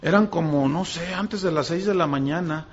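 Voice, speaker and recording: A man's voice: fairly high pitch, moderate pace, breathy edge. A male pastor preaching a sermon, telling a story and acting out the voices in it. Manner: animated, acts out voices in anecdotes. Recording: dull lo-fi sound.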